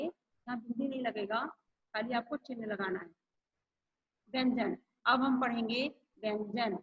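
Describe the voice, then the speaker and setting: A woman's voice: a little high, husky, lo-fi sound. A woman teacher giving an online grammar lesson to schoolchildren, repeating each rule and example. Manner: slow, repeats each point and example for pupils.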